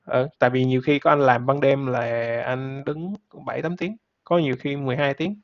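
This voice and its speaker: A laid-back man, chatting casually on a podcast in a gravelly voice with a bit of vocal fry. He rambles easily and laughs often. The recording sounds somewhat dull and lo-fi. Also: mid-range voice, fairly even intonation, moderate pace. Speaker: podcast host. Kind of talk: casual chat.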